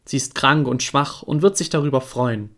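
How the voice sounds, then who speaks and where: A man voicing a caring mother in a fairy tale, gently giving her daughter an errand. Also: medium pitch, moderate pace, lightly acted. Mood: gentle.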